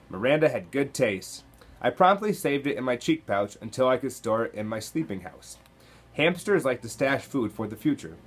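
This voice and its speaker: A man, a coach, reading a children's chapter book aloud to students with expressive storytelling. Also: medium pitch, breathy edge.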